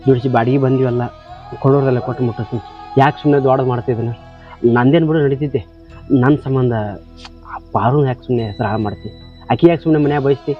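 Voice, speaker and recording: A man plays an indebted village tractor driver with a North Karnataka accent, talking fast and defensively. The recording is slightly dull, with faint music underneath. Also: mid-range voice, natural voice. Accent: North Karnataka Kannada. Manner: defensive, pleading. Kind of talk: short-film acting.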